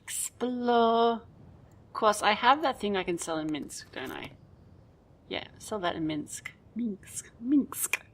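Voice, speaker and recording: A woman's voice: medium pitch, expressive, takes it slowly. A woman hosting a let's play, reading game text aloud with dry, amused side comments.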